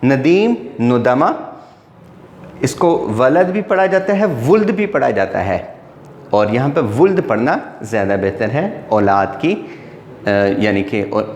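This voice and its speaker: A man's voice: mid-range voice, slight background noise. Man teaching grammar in an echoey room. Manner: measured, drills word pairs one by one. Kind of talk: exam-prep grammar lesson. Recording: echoey room with faint ambience.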